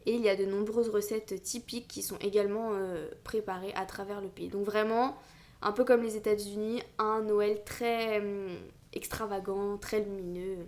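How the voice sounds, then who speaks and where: A woman's voice: medium pitch, steady tone, normal speed, a little mellow. A woman co-hosting a podcast in casual chat, chatty with frequent fillers and laughter. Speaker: podcast co-host.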